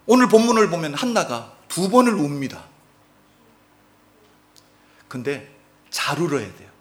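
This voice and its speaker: A man preaching a sermon as pastor, asking his congregation questions and swinging between loud outbursts and quiet asides. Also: a little high, sing-song, a little slow. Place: church sanctuary.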